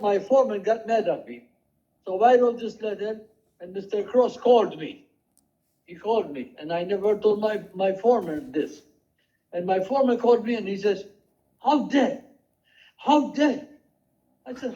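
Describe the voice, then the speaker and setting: An older man recounting his working life in a rambling, halting way, with many restarts and quoted dialogue. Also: sits high, warm tone. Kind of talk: rambling personal storytelling. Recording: dull lo-fi home recording.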